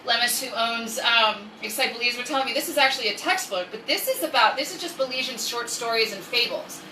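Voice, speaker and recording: Here an American woman hosts a live story-time stream in a brisk, sharp, fairly high voice, chatting casually, rambling with jokes and reading aloud. She grew up speaking English. The mic sits at a distance in an echoey room with faint noise.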